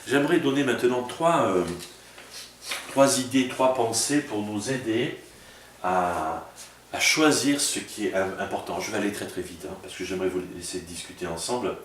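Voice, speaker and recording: A pastor speaks to small groups in an informal sermon style, often checking in with the listener. His voice sits low and reaches the mic from across an echoey room. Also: moderate pace, a little hiss or hum. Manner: informal, addresses listener as tu, frequent "tu vois". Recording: roomy echo from a distance with faint ambience.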